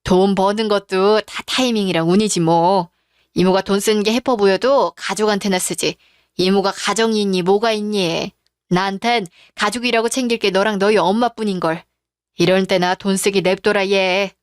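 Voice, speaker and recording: A woman's voice: mid-range voice, fairly even intonation, moderate pace, clean tone, dry recording, natural voice. Woman doing a breezy teasing auntie, generous, dry close mic. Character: generous single middle-aged aunt, breezy.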